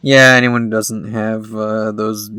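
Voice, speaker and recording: A man's voice: on the low side, flat delivery, a little slow, sharp tone, smooth, no room sound. A man co-hosting a podcast in casual chat, rambling through explanations with many fillers. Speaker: podcast co-host.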